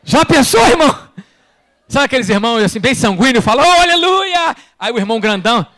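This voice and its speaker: A male Brazilian pastor with a high-pitched voice preaches a sermon in church, speaking fast in Brazilian Portuguese-accented speech. He is animated, asks the congregation rhetorical questions, and alternates between loud bursts and quiet, low asides. The recording is dry and of studio quality.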